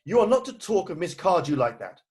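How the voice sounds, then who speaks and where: Casting: a man as stern, easily offended gentleman in a stage comedy read-through, higher-pitched, rough-edged voice. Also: very animated, brisk, exaggerated voice. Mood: stern, irritated. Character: stern, indignant, proper young gentleman. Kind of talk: amateur play read-through. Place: at home on a video call. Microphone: video call.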